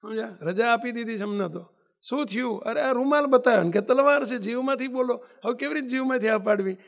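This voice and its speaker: A man's voice: extremely high pitch, fast talker, gravelly. A male preacher, giving a devotional sermon and telling a story, full of emphatic rhetorical questions and pleading repetition. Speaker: religious preacher.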